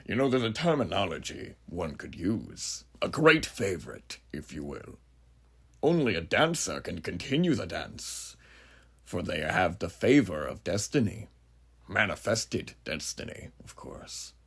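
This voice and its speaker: A man playing a huge, ageless, sinister judge who muses grandly and theatrically in a horror monologue, with a gravelly, breathy voice and rhetorical questions to the listener. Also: deep voice, sing-song, a little slow, a bit bright, full character voice. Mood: ominous philosophizing. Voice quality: gravelly, husky, breathy at phrase ends. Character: huge ageless sinister philosophizing judge, menacing male drifter.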